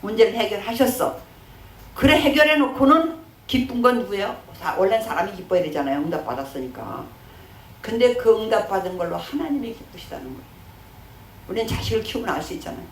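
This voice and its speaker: A woman's voice: mid-range voice, expressive, fast, a little hiss or hum. A middle-aged woman pastor giving a sermon in a conversational way, often asking her listeners questions and using everyday examples. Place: church sanctuary. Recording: roomy church hall.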